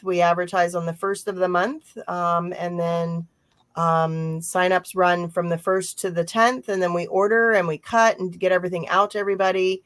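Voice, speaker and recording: A woman co-hosting a cardmaking video, explaining the monthly kits and chatting in an upbeat, joking way. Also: lowish voice. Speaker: cardmaking co-host. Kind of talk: casual crafting chat.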